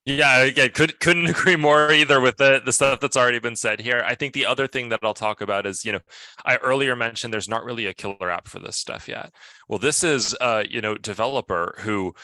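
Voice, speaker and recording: A man on a tech panel, speaking in an articulate, animated way. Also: mid-range voice, brisk, dry recording. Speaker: panel guest. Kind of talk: panel discussion.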